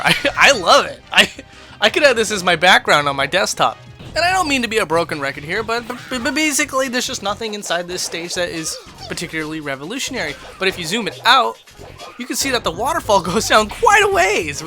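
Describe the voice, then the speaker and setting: Over background music, a male video host rambles casually through a game tour, chatting in a self-deprecating way. His voice is high-pitched with a sharp edge.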